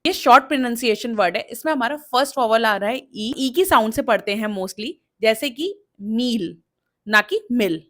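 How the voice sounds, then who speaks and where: A woman explaining English pronunciation, repeating words slowly to drill them. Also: fairly high pitch, animated. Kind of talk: explanatory lesson.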